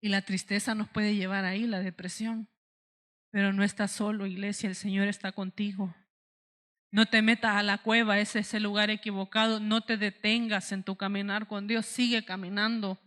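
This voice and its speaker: A woman's voice: medium pitch, little pitch movement, moderate pace, fairly bright tone. A young adult woman with a Salvadoran Spanish accent preaching a sermon, addressing the congregation directly and rising to impassioned, emphatic peaks.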